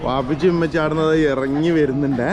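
Higher-voiced man vlogging in mix. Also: steady tone, quick pace, noisy background. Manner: Malayalam mixed with English words. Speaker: family vlogger. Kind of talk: casual family vlog chat, addressing viewers and children. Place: outdoors at a busy zoo park.

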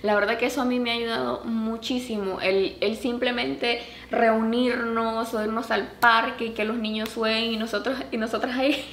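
A chatty woman vlogger talks to her viewers about motherhood in a relaxed, animated way, her voice sitting a little high. The recording is roomy and echoey, with a faint hiss of noise behind her. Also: moderate pace, hardly any pauses. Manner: animated, acts out quoted voices in a higher pitch. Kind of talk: casual storytelling to camera.

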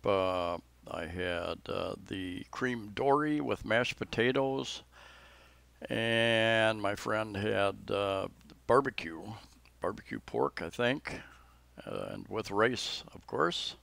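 A man's voice: on the low side, takes it slowly, gravelly, fairly bright tone, no echo. A man narrating a casual restaurant tour in an easygoing, hesitant way with many fillers, holding the camera. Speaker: vlogger touring a restaurant. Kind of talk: casual vlog narration and chat. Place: restaurant in the Philippines.

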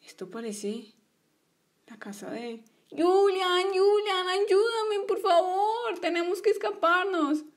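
A woman's voice: high-pitched, a little slow. A woman voicing sulky young girl friends in a toy play story, complaining and pouty. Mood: worried.

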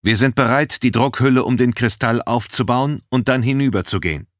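A man's voice: on the low side, normal speed, fairly bright tone, no room sound, clean studio sound, voice pushed up, close to an everyday voice. A man voicing a slightly irritated first officer reporting in a clipped way.

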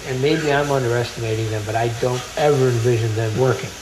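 Calm man giving an interview. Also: medium pitch, fast talker, background noise. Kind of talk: documentary interview.

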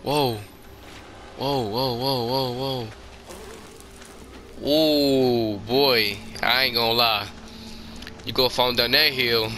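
A man's voice: mid-range voice, bright, forceful tone, a little hiss or hum. A man giving casual, slangy commentary on a horror game, talking informally to the game and viewers.

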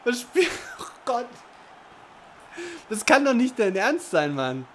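A man commentating his own football video game match, excitable, swinging from low muttering to shouting. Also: slow pace, slight background noise. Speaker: gaming commentator. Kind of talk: live Let's Play commentary.

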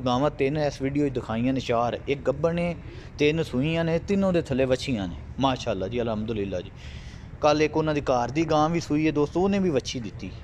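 A man with a mid-pitched voice talks casually into a phone camera out on an open farm field. His sales patter is friendly and repetitive, and he keeps turning to address his viewers as friends. Faint outdoor ambience sits behind him. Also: darkish tone, slight background noise. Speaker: livestock sales vlogger.

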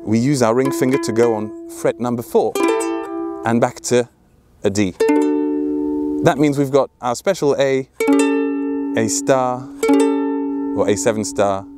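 A man in his thirties hosts a casual ukulele tutorial outdoors in an open field, chatty and playful, singing examples as he strums and plucks. His medium-pitched voice is a little slow, with long pauses, and loud music sits behind it.

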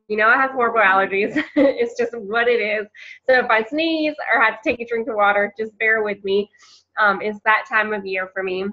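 A woman's voice: mid-range voice, pushed and bright. A woman leading a casual coaching presentation, chatty and encouraging, often calling her listeners "you guys.". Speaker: team coach leading a training call. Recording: lo-fi webinar audio.

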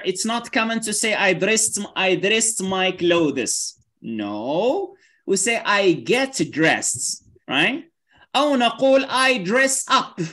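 Online English teacher, man, high bright voice, unhurried, leans on "great" and "right?". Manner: keeps saying "great" and "right?", switches between English and Arabic.

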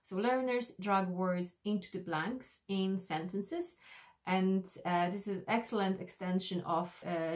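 With a lowish voice, this e-learning instructor, a woman in her thirties, talks the viewer through a tutorial, addressing them directly as she explains.

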